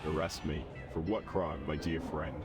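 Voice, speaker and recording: Guy doing a super deep voiced lion tamer, proud n polite, game character, music playing behind. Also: fairly even intonation, moderate pace. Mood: theatrical, courteous. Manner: florid, polite, pompous. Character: boastful, courteous male circus lion tamer.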